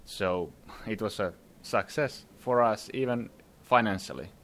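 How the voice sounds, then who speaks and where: In an unhurried, fairly low and slightly bright voice, a young filmmaker answers interview questions at a conference summit venue. He sounds hesitant, uses many fillers, and laughs mid-speech.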